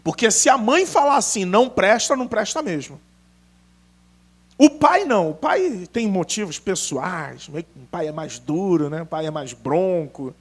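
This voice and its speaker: A man's voice: high-pitched, unhurried, breathy edge. A male pastor preaching an emphatic sermon full of stories, acting out dialogue as he goes. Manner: animated, emphatic, acts out dialogue. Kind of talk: storytelling sermon.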